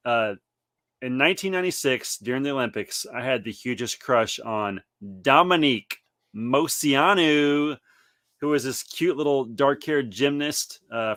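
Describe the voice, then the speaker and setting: A man's voice: on the high side, fairly bright tone, no echo. A man co-hosts a casual podcast and tells old stories in a loose, easygoing way. His voice sounds dry and close, with no room around it. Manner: reminiscing, loose and storytelling. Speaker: podcast co-host. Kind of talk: casual chat.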